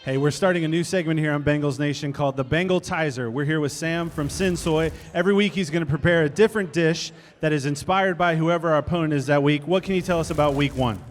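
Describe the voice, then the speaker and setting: A man hosts a casual segment at a brisk pace, keeping it upbeat and jokey. His voice sits a little high and rings with a long reverb, and faint music plays under him. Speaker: segment host.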